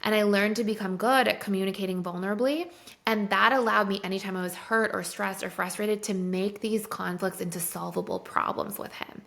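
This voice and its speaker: Female interview guest, conversational and candid, with a creaky edge to her voice. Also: medium pitch, fairly even intonation, fairly quick, fairly bright tone. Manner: candid personal storytelling, heavy use of "like". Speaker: guest, personal development expert. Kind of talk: casual podcast conversation.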